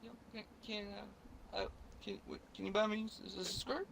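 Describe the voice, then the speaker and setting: A man's voice: sits high, fairly even intonation, a little fast, vocal fry, noisy background, pitched above the performer's own voice. A man putting on the voice of a whiny young woman who stammers out requests to her boyfriend. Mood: pleading.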